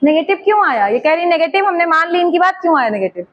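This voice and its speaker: A woman's voice: very high voice, sing-song, fast talker, lo-fi sound. A woman teacher with an eastern Uttar Pradesh Hindi accent, teaching a chemistry class and coaxing students with teasing questions.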